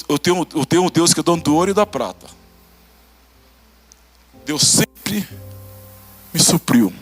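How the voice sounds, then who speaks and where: Man, Brazilian accent, pastor, sermon, animated storytelling, bright tense voice. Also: high-pitched. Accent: Brazilian Portuguese. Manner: animated, acts out dialogue, laughs.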